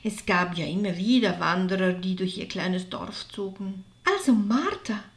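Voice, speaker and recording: A woman narrating a children's storybook in a slow, expressive way. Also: on the low side.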